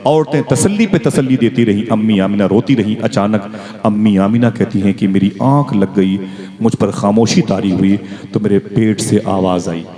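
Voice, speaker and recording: A man's voice: fairly low pitch, normal speed. A male preacher telling a religious story dramatically in a sermon, calling on the gathering to respond. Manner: dramatic, calls for crowd responses. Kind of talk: emotional Islamic sermon storytelling. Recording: crowd noise at a live gathering.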